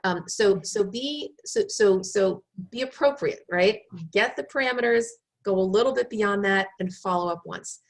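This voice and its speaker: A woman's voice: mid-range voice, normal speed, hardly any pauses. A woman recruiter giving job-search advice on a group call, in an earnest coaching tone that checks in with "right?".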